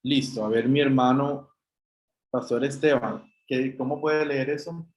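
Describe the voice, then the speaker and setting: A man's voice: medium pitch, steady tone, unhurried, darkish tone, echoey room, poor audio. A man teaching an online Greek class, explaining patiently step by step and addressing students as brothers, with a Chilean Spanish accent.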